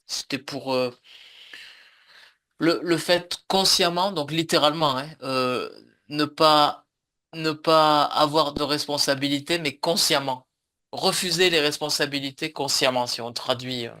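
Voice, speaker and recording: A man's voice: on the high side, a little slow, sharp tone. A man teaching a French lesson over a video call, explaining patiently with many fillers and repeats. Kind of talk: online language lesson.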